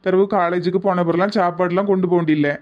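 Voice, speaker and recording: A woman's voice: fairly low pitch, fairly even intonation, quick pace, lo-fi sound, lightly acted. A woman voicing a weary village husband. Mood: exasperated. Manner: brusque, weary scolding. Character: exasperated middle-aged village husband. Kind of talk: cartoon comedy voice acting.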